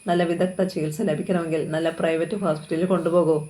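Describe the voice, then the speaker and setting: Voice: medium pitch, level tone, quick pace, dark tone, close to an everyday voice. A narrator voicing a heartless, stout female nurse who speaks rudely and dismissively in a storybook reading. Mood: scornful. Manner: rude, dismissive.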